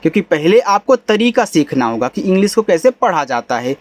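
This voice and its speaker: A man's voice: high-pitched, big pitch swings, a little fast. A man teaching English in a spoken lesson, explaining spelling and pronunciation patiently in a casual, friendly way. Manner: casual and friendly, says bhai and yaar.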